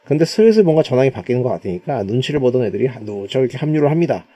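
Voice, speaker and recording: A man's voice: medium pitch, very animated, rapid-fire, mellow. A man giving stock market commentary as a vivid battle story, in casual slang with mouth sound effects.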